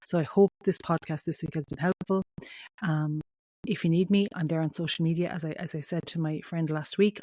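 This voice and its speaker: A middle-aged Irish woman with a west of Ireland, County Mayo accent speaks quickly in a lowish register for a woman. She talks straight to the listener in a heartfelt, reassuring podcast style, recorded close and dry. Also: warm tone, dry recording. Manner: reassuring, addresses listener directly, asks and answers own questions. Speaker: podcast host. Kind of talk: heartfelt solo podcast talk to parents.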